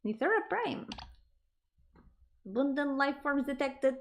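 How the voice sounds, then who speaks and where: A woman's voice: high voice, lively intonation, measured pace. A woman reading like a glitching robot alarm. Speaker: game streamer. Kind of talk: live game stream.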